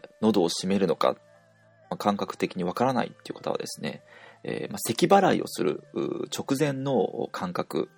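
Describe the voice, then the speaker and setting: A Japanese man teaching pronunciation in an audio language lesson, explaining patiently and pausing to demonstrate sounds. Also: fairly low pitch, big pitch swings, creaky, slightly rough, soft background music.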